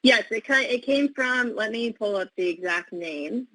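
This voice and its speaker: A woman clinical pharmacist answering webinar questions over a video call, measured, with frequent filler pauses. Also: a little high, animated, pushed and bright, dry recording, poor audio.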